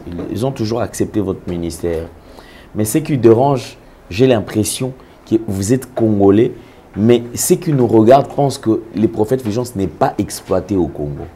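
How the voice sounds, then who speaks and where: A man's voice: fairly low pitch, warm tone, a little hiss or hum. A man interviewing a pastor for TV, asking probing questions and sometimes stumbling over his words.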